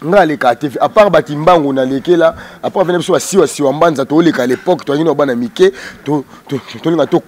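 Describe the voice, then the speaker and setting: As spokesman for a music group, a Congolese man from Kinshasa, Democratic Republic of the Congo, speaks very fast in a fairly high, darkish voice during a heated street interview in Lingala mixed with French. He is emphatic and combative, often hammering one word several times. He stands outdoors on a porch, speaking into the interviewer's handheld microphone.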